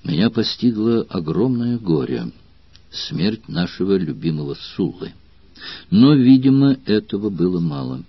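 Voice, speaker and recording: A man with a husky voice reading the grave, displeased lines of a grieving Roman orator in an audiobook. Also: low-pitched, big pitch swings, measured pace, no room sound, muffled recording, heavily acted. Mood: gloomy.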